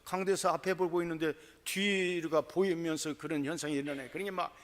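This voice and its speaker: A man preaching a sermon, telling his own story in an animated way that turns loud and excited. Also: on the high side, fairly quick. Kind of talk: sermon testimony. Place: church.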